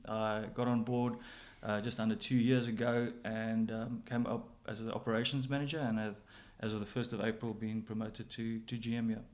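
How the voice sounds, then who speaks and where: A man's voice: fairly low pitch, little pitch movement, moderate pace, few pauses, darkish tone. A middle-aged man with a South African accent, giving casual interview answers as a general manager.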